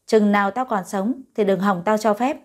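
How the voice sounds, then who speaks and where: A woman's voice: mid-range voice, normal speed, close to an everyday voice. A woman voicing an angry, domineering middle-aged father in an audio story, giving harsh commands. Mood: furious.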